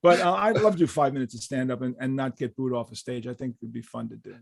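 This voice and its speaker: An older man, a guest musician, telling stories in an animated, profane, punchy way and acting out the voices. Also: medium pitch, fast, gravelly, dry recording, studio quality. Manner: profane, punchy storyteller who acts out voices. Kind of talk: animated storytelling.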